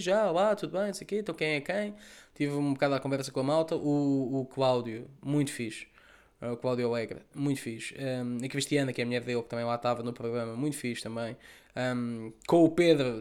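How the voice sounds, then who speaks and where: A young man with a European Portuguese accent, telling a story in a casual vlog, animated and profane, acting out the dialogue, speaking outdoors near the beach. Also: medium pitch. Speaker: content creator.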